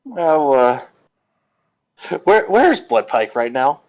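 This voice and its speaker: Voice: mid-range voice, sing-song, takes it slowly, darkish tone, dull audio. A tabletop game player chatting casually, hesitant and bemused, feeling out what to say in character. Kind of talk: casual chat.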